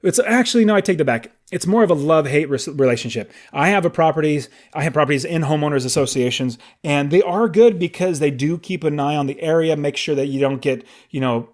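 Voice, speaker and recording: A man's voice: on the high side, expressive, a little fast, hardly any pauses. A man in his late thirties hosting a solo podcast, talking in an enthusiastic, conversational way with emphatic asides. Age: 30s. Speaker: podcast host.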